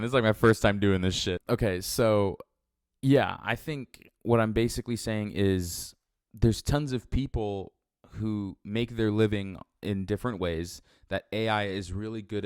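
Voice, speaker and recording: A man's voice: fairly low pitch, smooth, dry recording, clean studio sound. A man talking casually and unscripted, in a blunt, self-deprecating way with frequent swearing, recorded in a sparsely furnished room. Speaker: first-time solo podcaster or vlogger. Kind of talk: unscripted casual rambling monologue.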